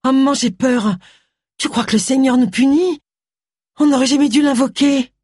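A woman's voice: a little high, animated, normal speed, darkish tone, no echo, studio quality, pitched above the performer's own voice. A woman voicing a whiny, easily scared grown daughter who is a witch, in an audiobook. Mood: frightened.

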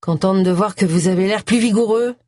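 A woman voicing a sharp-tongued, grumpy middle-aged amateur sleuth in an audiobook, blunt and acerbic. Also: mid-range voice, brisk, no echo, studio quality, lightly acted.

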